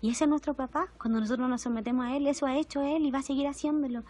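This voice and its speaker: Emotional Chilean woman preaching, fairly high voice. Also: rapid-fire. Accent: Chilean Spanish. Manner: intimate and emotional, shifting between soft and animated. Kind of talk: testimonial sermon.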